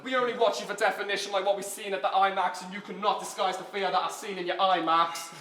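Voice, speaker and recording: A man's voice: high-pitched, fairly even intonation, fast, bright, forceful tone. A man rapping a battle verse, boastful, crude and insulting. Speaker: battle rapper. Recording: roomy and noisy live venue.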